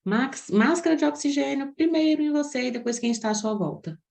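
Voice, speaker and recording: Brazilian woman, parenting coach, fairly high voice, expressive, talks straight to parents with many questions. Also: a little fast, creaky. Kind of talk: motivational teaching talk.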